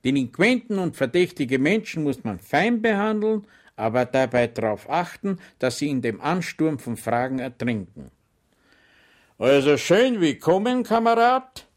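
A man voicing a friendly but cunning village police sergeant who talks in a smooth, mockingly polite way. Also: a little high, big pitch swings, a little slow, voice pushed up. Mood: coaxing.

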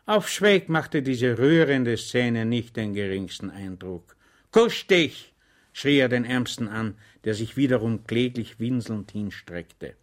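A man narrating an audiobook in a measured storytelling manner. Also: mid-range voice, lively intonation. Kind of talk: audiobook reading.

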